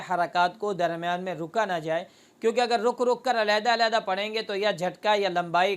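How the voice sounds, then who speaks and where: A man's voice: high voice, a bit bright, clean tone. A man teaches Quran recitation in a patient, explanatory voice. He stretches out each syllable when he demonstrates it, then goes back to plain explaining. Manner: slow, drawn-out demonstration of syllables between explanations. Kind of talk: explanatory lesson.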